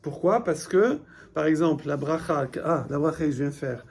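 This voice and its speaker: A man's voice: on the high side, normal speed, darkish tone. A man teaching a classroom lesson, patiently explaining step by step and quizzing his students. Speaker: Hebrew teacher.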